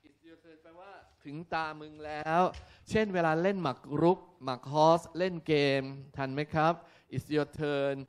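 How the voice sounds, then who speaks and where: Male teacher, classroom lesson, fairly high voice, crisp, checks in with students. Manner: explains slowly, often checks that students keep up. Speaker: English teacher.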